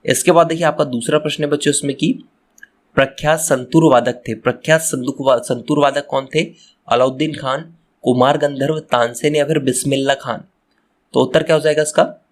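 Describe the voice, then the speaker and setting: A man in the role of a schoolteacher, walking pupils through textbook questions one by one. He repeats key phrases and keeps turning to the children as he explains. His pitch sits in an ordinary middle range. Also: steady tone, brisk. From Madhya Pradesh, India. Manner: repeats phrases, addresses children directly, restarts words. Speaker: teacher. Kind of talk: exam answer walkthrough lesson.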